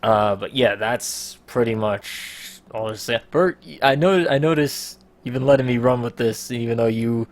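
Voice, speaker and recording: A man's voice: mid-range voice, moderate pace, few pauses. A man hosts a casual podcast in an easygoing, rambling way. He swears freely and laughs often as he talks. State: out of breath. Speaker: podcast host.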